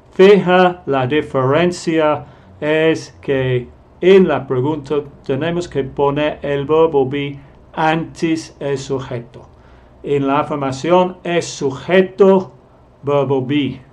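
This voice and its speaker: A native English-speaking man teaching English grammar in Spanish, speaking deliberately and modeling example phrases. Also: mid-range voice, darkish tone. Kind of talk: grammar lesson explained in Spanish.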